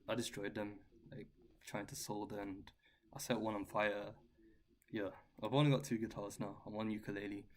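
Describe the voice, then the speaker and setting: A man giving a relaxed guitar lesson and answering viewers' questions, with a chatty, loose, slangy way of talking. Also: on the low side, a little hiss or hum. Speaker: guitar teacher. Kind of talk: casual live-stream Q&A. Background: his own guitar playing.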